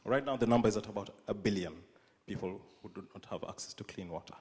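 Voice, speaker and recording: A man's voice: on the low side, fast talker, darkish tone. A young man with a Kenyan accent giving a live conference talk on a stage with a handheld mic, humorous and self-deprecating, often restarting his sentences. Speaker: conference speaker. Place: large dark auditorium stage. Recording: long reverb of a hall.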